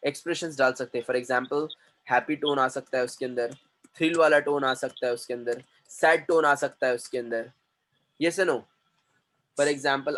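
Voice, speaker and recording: Slow-paced male communication trainer. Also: medium pitch, poor audio. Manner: repetitive, checks in with listeners. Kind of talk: classroom lecture on storytelling.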